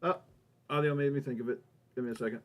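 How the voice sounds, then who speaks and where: A man's voice: medium pitch, fairly even intonation, fast talker. Man with a lisp and whistling S sounds. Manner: rambling, thinks aloud. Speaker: gamer recording a let's play. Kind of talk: casual gameplay commentary.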